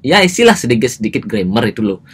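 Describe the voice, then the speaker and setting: Husky, animated Balinese man vlogging. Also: fast. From Bali, Indonesia. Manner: animated, keeps addressing viewers as "guys", pitch jumps up for emphasis. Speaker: vlogger giving advice on speaking English. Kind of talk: casual advice talk to camera.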